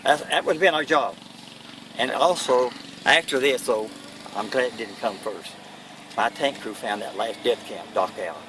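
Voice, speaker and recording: An elderly man with a Kentucky accent recalling war service in a plain-spoken, halting interview style. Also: medium pitch. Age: elderly, 80s or older. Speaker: World War II veteran being interviewed. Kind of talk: first-hand war recollection. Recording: noisy, distant mic, vehicle-like background noise.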